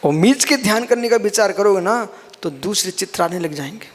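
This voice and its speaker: High-voiced Jain monk preaching in a hall. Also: male voice, lively intonation, brisk. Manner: explains scripture line by line, addresses listeners as son and brother. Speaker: Jain monk giving a discourse. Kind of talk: sermon.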